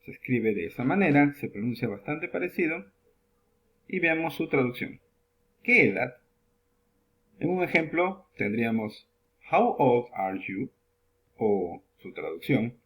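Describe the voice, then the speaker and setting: A man teaches English in a lesson, with a voice that swings up and down a great deal as he lifts his pitch to announce each new word. He reads the example questions slowly and carefully before translating them. His pitch sits right in the middle for a man. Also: very animated. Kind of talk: classroom lesson narration.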